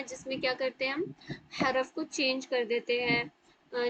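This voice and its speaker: A woman's voice: high-pitched, fairly bright tone, slight background noise, poor audio. A woman teaching an online Quran recitation class, explaining step by step and often checking in with her students.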